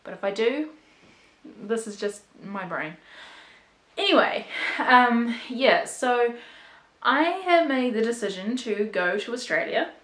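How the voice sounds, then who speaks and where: Speaking slowly with lively intonation, this vlogger has a somewhat high, fairly bright voice that echoes around her bedroom. She's a Kiwi-accented woman in her twenties, chatting to the camera in a rambling, frank, self-deprecating way.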